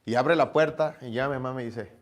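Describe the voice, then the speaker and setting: A man's voice: medium pitch, brisk. A man preaching a sermon, telling stories and acting out the dialogue in them. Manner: storytelling, acts out dialogue with lively shifts. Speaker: pastor.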